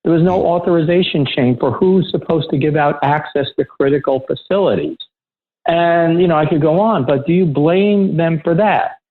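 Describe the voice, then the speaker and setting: A middle-aged man, a security professional and interview guest, telling a work anecdote in a lively, conversational way and acting out the dialogue. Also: fairly high pitch, normal speed. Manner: lively storyteller who acts out quoted dialogue. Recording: tinny phone-like line.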